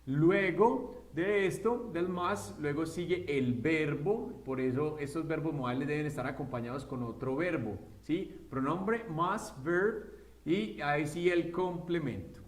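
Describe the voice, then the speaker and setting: A man teaching an English grammar lesson step by step, often checking in with a quick question. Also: fairly high pitch, expressive. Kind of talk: recorded classroom lesson. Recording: echoey room.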